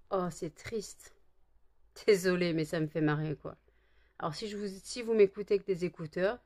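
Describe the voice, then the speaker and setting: A French woman talks casually into her camera, her voice high and shrill. She is tired and barely awake, and she rambles with many fillers and false starts, scolding her dogs now and then. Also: mellow. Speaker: vlogger.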